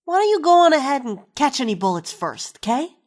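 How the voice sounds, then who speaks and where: A woman's voice: high-pitched, sing-song, fairly quick, a little mellow. An actress playing a wisecracking, foul-mouthed woman companion in a video game, sarcastic and slangy. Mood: casual, wry.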